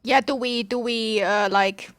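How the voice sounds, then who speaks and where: A woman's voice: fairly high pitch, fairly even intonation, unhurried, a bit bright, dry recording. A woman playing a tabletop role-playing game, casually and tentatively describing what her character does. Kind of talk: casual role-play chat.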